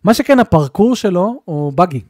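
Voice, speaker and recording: A man co-hosting a casual gaming podcast, telling game stories with animated, acted-out bits. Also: sits high, dry recording, studio quality. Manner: animated storyteller, acts out scenes. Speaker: podcast co-host.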